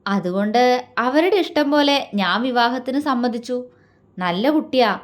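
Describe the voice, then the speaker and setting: Casting: a gentle, quick-talking young man in a storybook romance, calm and teasing, read by a woman narrator. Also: fairly high pitch, natural voice.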